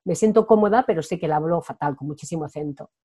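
Mellow low-voiced Spanish woman. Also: quick pace, husky. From Spain. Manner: reflective, chatty, laughs easily. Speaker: language teacher. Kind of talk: radio interview guest.

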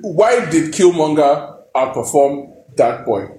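A man, hosting a casual podcast chat and judging films in an animated, opinionated, mocking way. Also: fairly high pitch, slow pace. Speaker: podcast host. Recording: echoey room with music underneath.

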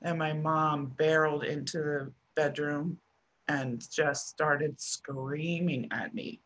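As a podcast guest, a middle-aged woman from the United States shares a personal story, often halting and starting over, with soft pauses that trail off. Her voice is low and her tone steady.

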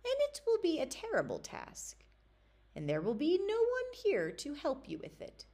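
Shrill sly enchanter's daughter from a storybook, lively swoopy voice, as a lady reader puts her on. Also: moderate pace. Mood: warning. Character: scheming young enchanter's daughter, shrill and cunning.

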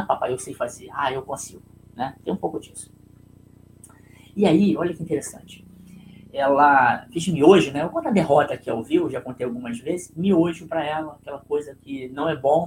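A Brazilian man with a gravelly, creaky voice talks through a leadership lesson on a live stream. He tells a story in a loose, chatty way and keeps checking in with his listeners. A faint hum of room noise sits behind him. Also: fairly high pitch, darkish tone, rough recording. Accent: Brazilian Portuguese. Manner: conversational, tag questions, storytelling.

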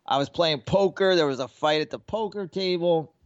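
A man's voice on the high side, moving at a moderate pace through a dry, lo-fi recording. As a podcast co-host in a casual sports betting chat, he spins rambling, profane stories and performs the voices of the people involved.

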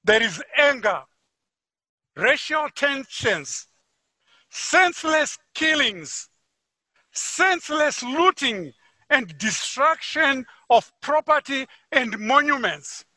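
Preaching as a guest at a church, a man from Zimbabwe speaks with a Zimbabwean accent in a measured, deliberate way that climbs for emphasis. His very high voice is sing-song, pushed and bright, and there's no echo.

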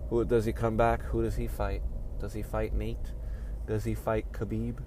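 A man with a low voice rambles through a casual talk at home, drowsy and yawning between thoughts. His delivery is loose and unhurried, and faint noise hangs under the recording. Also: completely flat delivery, mellow. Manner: rambling, yawning, laid-back. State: sleepy, yawning. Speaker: MMA commentary vlogger. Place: home room with sunny window.

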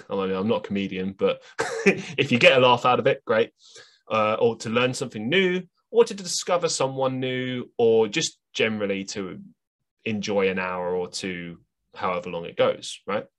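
A man hosts his own podcast alone, talking in a rambling, earnest, self-deprecating, reflective way with plenty of ums and restarts. His voice is lowish with a fairly bright tone, at a moderate pace.

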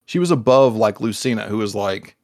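A man co-hosting a casual video game podcast, talking animatedly and jumping into high excited voices when he quotes himself. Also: fairly quick. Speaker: podcast co-host. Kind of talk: casual podcast chat about video games.

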